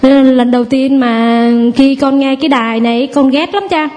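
A mother in her thirties from the audience speaks in a high, steady, darkish voice at a moderate pace. Nervous yet chatty, she gives a personal testimony, acting out quotes from her family as she tells her story.

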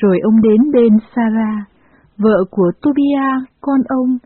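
Slightly high husky woman reading scripture. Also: a little slow, no room sound. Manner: earnest, even reading. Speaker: scripture reader. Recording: dry, tinny phone-like sound.

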